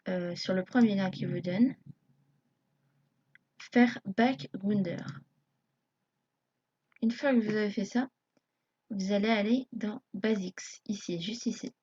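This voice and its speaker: A woman narrates a live screen tutorial in a mellow, slightly husky voice. She hesitates often, filling pauses as a nervous beginner would. The recording sounds dull and lo-fi. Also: mid-range voice, no room sound. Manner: hesitant, many fillers, self-conscious beginner. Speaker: YouTube tutorial maker.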